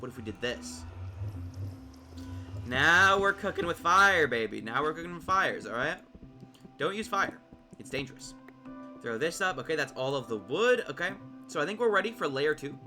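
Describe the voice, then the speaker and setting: A man giving casual, excitable gameplay commentary, rambling to his viewers while he builds, his voice cracking from overuse. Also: medium pitch, brisk, soft background music. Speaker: gaming video creator.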